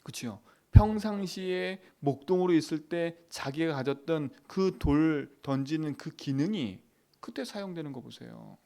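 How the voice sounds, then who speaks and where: Gravelly-voiced pastor preaching. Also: male voice, fairly high pitch, animated, a little slow. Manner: preaching with rhetorical questions to the congregation; swings between loud emphatic lines and quiet asides. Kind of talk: dawn prayer sermon.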